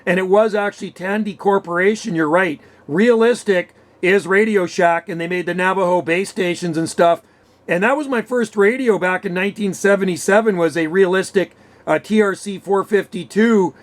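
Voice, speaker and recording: Speaking at a moderate pace in a high voice, this man of about sixty from western Canada reminisces over CB radio. A keen hobbyist, he talks eagerly and casually through a vintage desk microphone.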